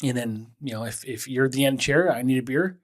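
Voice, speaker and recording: A man's voice: mid-range voice, brisk. A middle-aged man co-hosting a podcast, telling rambling, joking stories in casual banter. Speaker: podcast co-host.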